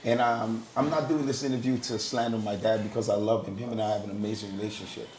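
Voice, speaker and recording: A man's voice: lowish voice, steady tone, fast talker, a little mellow, slight background noise. A middle-aged man from Guyana sharing his story in a candid group discussion, stressing points by repeating words. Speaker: panel speaker. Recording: roomy sound with crowd murmur. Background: crowd murmur.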